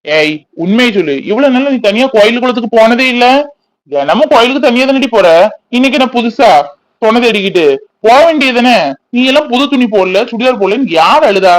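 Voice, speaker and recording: A man's voice: a little high, fast, close to an everyday voice. A man voicing an irritable young son in his twenties who grumbles and mocks, in a cartoon. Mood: sarcastic. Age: 20s. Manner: sarcastic, grumbling, impatient. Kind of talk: cartoon voice acting.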